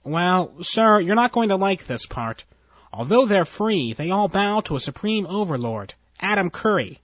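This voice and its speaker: A man's voice: sits high, big pitch swings, unhurried, fairly bright tone, no echo, muffled recording, pitched above the performer's own voice, exaggerated voice. A man voicing a nervous, timid alien male science officer who answers hesitantly and deferentially.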